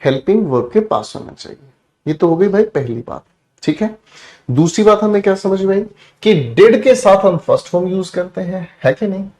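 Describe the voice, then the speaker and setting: A man with a Hindi accent teaches English grammar online. His voice sits high, and he keeps an affectionate, joking tone with his students. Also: lively intonation, moderate pace, darkish tone. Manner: affectionate, calls students "beta" and "bhai", playful asides. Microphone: headset or studio mic.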